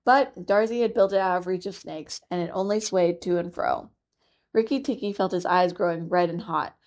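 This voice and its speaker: A woman reading a classic children's book aloud in a calm, even, clear storytelling manner for a library program. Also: lowish voice, normal speed.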